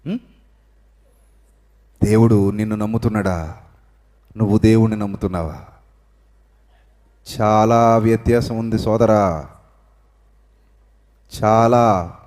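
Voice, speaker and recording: A male pastor preaching a sermon, swinging between loud, high exhortation and hushed, low emphasis, drilling the congregation to repeat phrases aloud. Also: fairly even intonation, slow, long pauses. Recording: long reverb in a hall.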